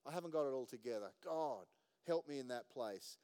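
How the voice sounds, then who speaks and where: A man preaching a sermon to a church congregation, earnest, swinging from quiet stretches to loud emphasis. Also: medium pitch, animated, a little fast, smooth. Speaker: pastor. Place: church auditorium. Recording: long hall reverb.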